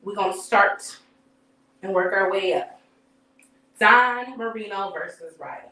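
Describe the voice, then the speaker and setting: A woman's voice: mid-range voice, unhurried, pushed and bright, distant mic. A woman, giving a loose, profane, casual live recap of battle rap events as the channel's host. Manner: loose, profane and conversational, with frequent fillers and sighs. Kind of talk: casual live-stream commentary. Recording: echoey room, voice from off the mic.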